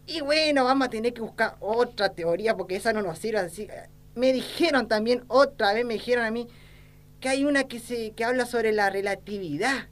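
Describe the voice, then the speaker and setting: A fairly high, natural female voice at a moderate pace plays the crooked, lecherous, ignorant old small-town politician of an amateur satirical sketch. The Argentine-accented character blusters folksily, sounding confused and dismissive.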